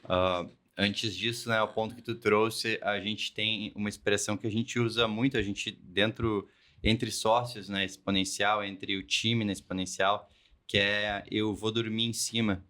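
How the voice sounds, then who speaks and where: Brazilian man, casual halting host. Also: fairly low pitch, flat delivery, pushed and bright. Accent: Brazilian Portuguese. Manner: casual, hesitant, repeats words while thinking. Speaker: podcast host. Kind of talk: podcast conversation.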